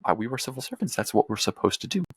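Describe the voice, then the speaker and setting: A man's voice: medium pitch, big pitch swings, racing, breathy edge, no room sound. A young man, a former congressional staffer, talking politics as a podcast guest in a blunt, profane, rambling way. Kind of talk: casual political chat.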